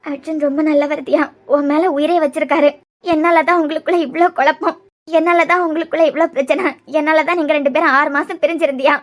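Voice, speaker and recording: Woman playing a sorry young girl, kanyakumari accent, pleading, super high squeaky voice. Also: steady tone, quick pace, natural voice. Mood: remorseful. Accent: Kanyakumari Tamil. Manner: confessional, pleading. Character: remorseful young woman, apologetic and lonely.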